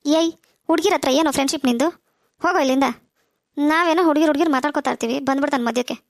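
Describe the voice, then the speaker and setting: A bossy, sassy teenage girl from a cartoon, voiced by a woman fires off her lines quickly in a high voice. The sound is dry and close. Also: no room sound. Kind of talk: cartoon voice acting.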